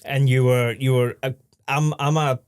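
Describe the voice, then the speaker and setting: A man's voice: mid-range voice, little pitch movement, moderate pace, clear, resonant tone, dry recording. A man co-hosting a podcast, chatting casually with brief, dry replies. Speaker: podcast co-host. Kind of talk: casual chat.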